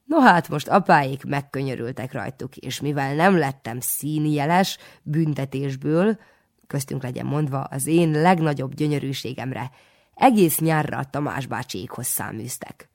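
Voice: mid-range voice, vocal fry. An audiobook narrator reading a first-person children's story with a wry, dry humor.

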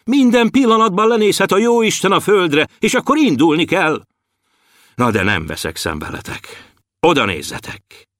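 A man's voice: medium pitch, big pitch swings, fairly bright tone, no room sound, studio quality. A man voicing a stern, earnest dwarf prince who scolds in a storybook reading.

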